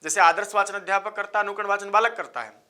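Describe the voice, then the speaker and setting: Bright-voiced male teacher drilling exam points. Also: high voice, fast talker. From India. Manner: repetitive, drilling key points, addresses listeners as bhaiya and sahab. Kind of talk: exam-prep lecture.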